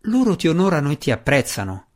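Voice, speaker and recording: A man voicing an earnest, wry dark elf warrior, speaking in a pressing, slightly raised voice. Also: on the high side, big pitch swings, quick pace.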